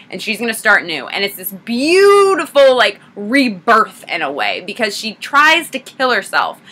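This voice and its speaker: A woman reviewing a film in a casual vlog, retelling the plot in an animated, profane way. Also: fairly high pitch.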